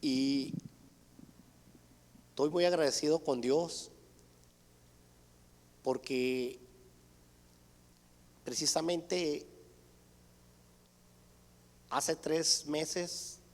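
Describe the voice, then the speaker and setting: A man's voice: fairly high pitch, very slow, pauses often. A man giving an earnest church testimony, retelling conversations with his mother and others. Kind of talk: sermon testimony. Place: church hall. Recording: church hall reverb.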